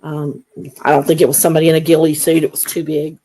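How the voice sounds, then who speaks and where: A woman guest on an interview show, telling her story in a casual, animated way and acting out the dialogue. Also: deep voice, fast. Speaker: guest, Bigfoot investigator.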